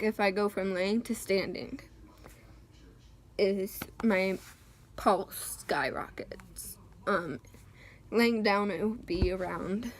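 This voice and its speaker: Slow-talking woman vlogger, hesitant. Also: medium pitch, a little hiss or hum. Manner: hesitant, many pauses and ums. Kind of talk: casual talk to camera.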